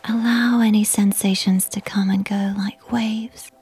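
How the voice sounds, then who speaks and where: A woman whispering a slow, soothing guided sleep meditation. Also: mid-range voice, flat delivery, breathy edge. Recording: soft music behind.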